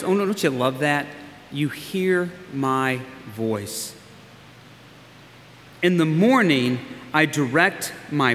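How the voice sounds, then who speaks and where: A man preaches with an earnest, emphatic delivery, letting phrases hang in slow, drawn-out pauses. His voice sits a little high for a man. The sound rings with long reverb in a large room, over a faint hiss. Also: a bit bright. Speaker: pastor. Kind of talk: sermon.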